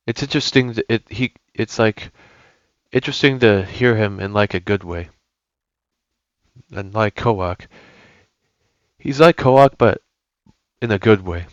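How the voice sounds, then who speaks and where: A man's voice: lowish voice, no room sound, highs cut off. A young man giving casual, rambling gameplay commentary, often correcting himself as he goes. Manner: rambling, self-correcting, enthusiastic. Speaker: gaming YouTuber.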